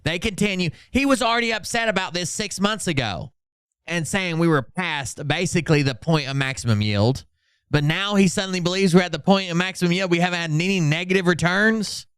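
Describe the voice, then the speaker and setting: A man hosts a livestream in studio quality, with a clear, resonant, fairly bright voice that's high-pitched, expressive and brisk, with no echo. He mocks social media posts in casual, sweary chat, sarcastic throughout and turning mock-dramatic whenever he reads a post aloud.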